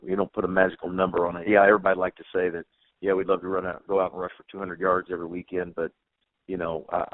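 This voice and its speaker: Male head coach, very low voice, dry phone-line sound, plainspoken q&a. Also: dry recording. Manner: plainspoken, repeats words and restarts. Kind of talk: teleconference Q&A.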